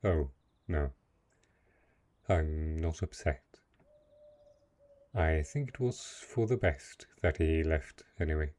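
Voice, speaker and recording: Voicing a lonely dark knight, gentle yet possessive, in an intimate fantasy audio roleplay, a man speaks softly and haltingly in a rumbling low voice, quietly possessive in mood.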